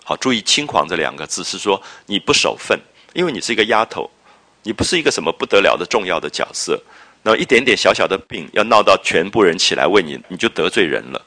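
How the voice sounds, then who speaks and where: In a lecture on a classic novel, a man with a low, strong voice varies his pitch in a lively way. His explanatory style is unhurried and reflective, packed with interjections, and he keeps posing rhetorical questions to make sure his listeners understand.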